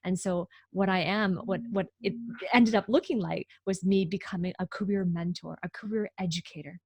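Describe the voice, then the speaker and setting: A woman from Hong Kong, a guest on a video call interview, upbeat and quick to rephrase. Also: medium pitch, darkish tone, breathy edge, no echo. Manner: upbeat, laughs often, rephrases.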